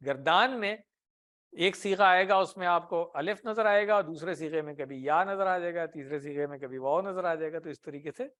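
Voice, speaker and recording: A man's voice: fairly high pitch, a bit bright. A man teaching Arabic grammar in an Urdu classroom lecture, patiently explaining with everyday examples and asking the class questions. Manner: often ends points with a tag question.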